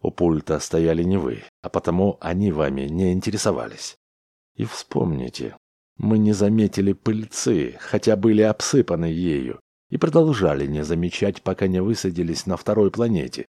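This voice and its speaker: Chauns, a measured starship pilot, lays out his reasoning in a low, dark voice, as a male reader voices him. The delivery is deliberate and explanatory, and close to the reader's own voice. The sound is dry and close. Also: sing-song, no echo, exaggerated voice. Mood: explaining.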